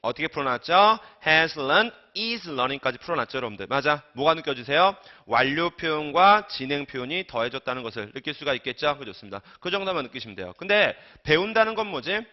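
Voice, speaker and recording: A man teaching an English grammar lecture, coaxing students with questions he answers himself and trailing off softly at the ends of phrases. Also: a little high, big pitch swings, a little fast, hardly any pauses. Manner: coaxing, asks and answers his own questions. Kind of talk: recorded online lecture. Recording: dull lo-fi lecture recording.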